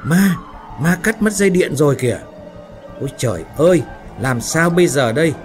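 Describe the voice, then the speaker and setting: A man voicing frightened, quarrelsome female factory workers in a spoken ghost story, shrill and scolding. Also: expressive, moderate pace, faint music behind, natural voice. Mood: panicked.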